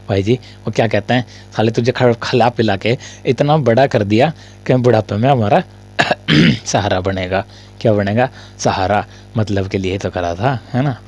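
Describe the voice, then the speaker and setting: A male Hindi grammar teacher in a casual lesson. He asks his students questions, answers them himself, and often coughs and clears his throat. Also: lowish voice, darkish tone.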